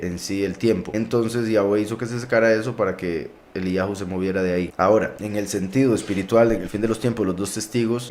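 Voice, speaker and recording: A man pastor answering viewer questions live, reading scripture aloud and explaining it in a measured, explanatory way. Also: on the low side, darkish tone. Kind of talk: live Bible teaching.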